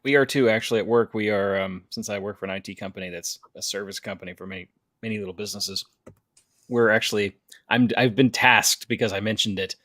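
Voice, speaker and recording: A man's voice: fairly low pitch, a bit bright, no echo, clean studio sound. A man, co-hosting a casual chat and trading pirate puns and jokes. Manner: punning, playful, jokey. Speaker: podcast co-host.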